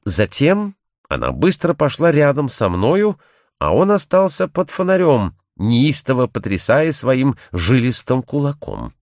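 A man's voice: mid-range voice, wildly swooping pitch, unhurried, darkish tone, dry recording, studio quality, pitched above the performer's own voice. A man reading a timid young woman's confession. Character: young timid blonde woman recounting a secret.

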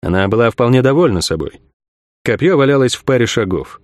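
A man narrating a fantasy audiobook in an expressive storytelling manner. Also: mid-range voice, brisk, dry recording, studio quality.

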